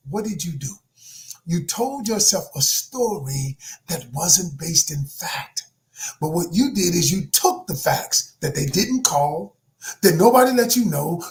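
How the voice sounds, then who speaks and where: High-voiced and in his sixties, he delivers a life coach's motivational talk to viewers, insistent and sermon-like. "Y'all" is how he addresses them, and his volume jumps from near-whisper to full shout.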